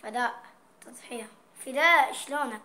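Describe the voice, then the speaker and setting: A playful Egyptian woman vlogging, her voice sitting high and light. She talks casually, reading out words one by one and explaining each one, with a faint hiss underneath. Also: normal speed, pushed and bright. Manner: playful, reading out dialect words and their meanings. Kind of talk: casual vlog chat.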